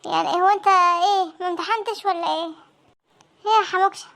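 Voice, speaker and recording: Panicky teenage students in a comic cartoon, with an Egyptian accent, all voiced by a woman. The voices are extremely high and sharp, in squeaky, sped-up chatter at a breakneck pace. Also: fairly even intonation, racing. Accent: Egyptian Arabic. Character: panicky teenage students dreading exam results.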